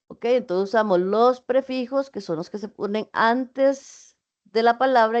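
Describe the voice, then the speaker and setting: Woman teacher, mid pitch, patient explainer, online lecture over dull audio. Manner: patient, explains with spoken examples.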